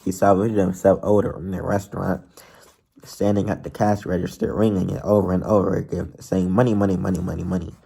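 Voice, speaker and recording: A man's voice: deep voice, flat delivery, a little fast, gravelly, warm tone. A man reading a children's novel aloud who stumbles and restarts now and then. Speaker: reader of a novel.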